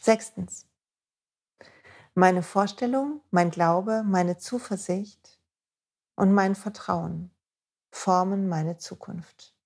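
Woman podcast host, motivational self-help talk, warm and encouraging, speaks directly to the listener. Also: mid-range voice, very slow, pauses often.

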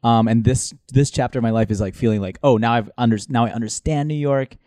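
A man's voice: mid-range voice, fast talker, warm tone, no echo, studio quality. A forty-year-old man from the Philippines and Minnesota, a nightlife performer talking candidly and laughing easily as a guest. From born in the Philippines, raised in Minnesota. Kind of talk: interview conversation.

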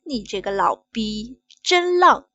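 Woman reader doing domineering male bank manager in an adult audio story; loud, coarse, high airy voice, dry lo-fi. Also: big pitch swings, slow, no room sound, full character voice.

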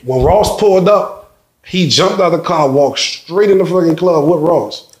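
As a guest in a casual interview, a man tells stories with animation, acting out what other people said and often repeating words. His voice runs on the high side at a moderate pace, and the room sounds echoey.

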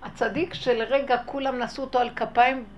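Gravelly-voiced Israeli woman telling a tale. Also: a little high, slight background noise. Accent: Israeli Hebrew. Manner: animated storytelling, acts out quoted voices. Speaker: religious teacher.

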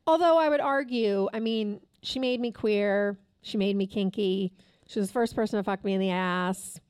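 Reading frankly from her own memoir, with deliberate pauses, a guest author in her fifties also talks informally at a live taping held at a store event. She has a smooth, darkish, medium-pitched voice, and there's no echo.

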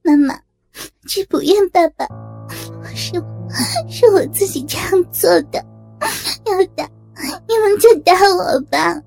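A woman's voice: extremely high pitch, measured pace, creaky, pauses often, a little mellow, faint music behind, pitched above the performer's own voice, exaggerated voice. A woman voicing a tearful, pleading teenage daughter who stammers through sobs. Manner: sobbing, stammering.

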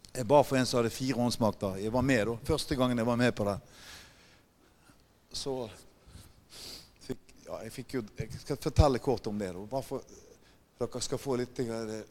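A man's voice: mid-range voice, darkish tone. A man preaching a sermon, emphatic and often putting questions to the congregation. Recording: long hall reverb.

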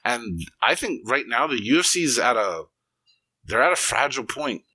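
A man's voice: medium pitch, very animated, normal speed, pushed and bright, no echo, rough recording. A man in his forties from Hawaii, co-hosting a casual sports chat podcast and talking in an enthusiastic, chatty way with frequent restarts. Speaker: podcast co-host.

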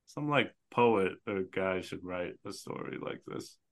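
A man co-hosting a podcast in casual chat, joking, laughing often and breaking into loud sung and shouted bits. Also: low-pitched, animated, measured pace. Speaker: podcast co-host.

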